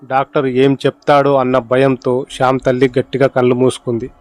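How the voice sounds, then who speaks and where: A man narrating a horror story in an expressive, dramatic storytelling manner. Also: medium pitch, brisk, no echo. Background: faint music.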